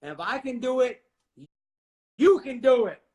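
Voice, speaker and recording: A man from Vietnam in his forties talks as an interview guest with a high-pitched voice. He is emphatic and preachy and keeps turning to the listeners directly. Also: expressive, measured pace, darkish tone. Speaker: guest, real estate investor. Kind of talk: motivational interview talk.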